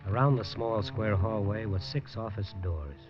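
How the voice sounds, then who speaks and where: An actor with a lowish, natural-sounding voice narrates at normal speed as a dry, hardboiled, wisecracking newspaperman in a 1950s radio drama. The broadcast is dull and lo-fi, with music underneath.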